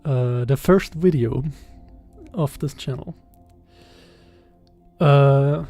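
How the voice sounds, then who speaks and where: A young man in his twenties with a German accent, talking casually in a podcast-style voiceover, hesitant and halting with many fillers and soft chuckles. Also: mid-range voice, gravelly. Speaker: channel host. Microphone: voiceover recorded separately.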